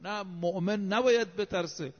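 A man preaches with emphasis in a notably high voice, reciting scripture and numbering each point. His voice trails off into a long hall reverb. The recording is dull and lo-fi. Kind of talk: sermon.

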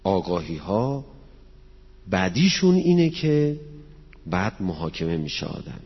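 A very animated man with a low-pitched, slightly rough voice lectures on religion before an audience in a hall. The dull, echoey recording captures him quoting Arabic scripture and Persian poetry, explaining it in plain language, and leading a prayer.

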